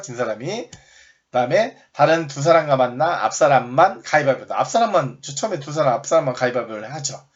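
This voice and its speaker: A man teaching recreation games in a recorded lecture, explaining step by step, rephrasing often and shouting sample game calls. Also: a little high, lo-fi sound. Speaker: recreation instructor.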